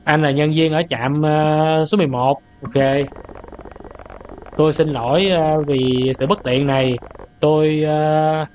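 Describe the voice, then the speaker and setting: A young man doing let's-play commentary on a horror game, easily startled into loud outbursts and translating the game's English lines aloud as he goes. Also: on the high side, fairly even intonation, a little slow, muffled recording, slight background noise. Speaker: gaming streamer.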